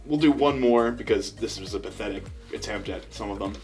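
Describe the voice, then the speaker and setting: A man's voice: lowish voice, a little fast, darkish tone, soft background music. Laid-back swearing male podcast co-host. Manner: laid-back, swears freely, crude humor. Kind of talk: casual chat.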